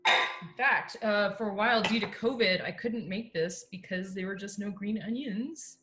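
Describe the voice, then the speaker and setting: A woman in her thirties, a composer appearing as a guest, chats casually on a video call while cooking in her home kitchen, full of fillers and asides. Her medium-pitched voice moves at normal speed, picked up by a laptop or webcam mic in an echoey kitchen with faint music.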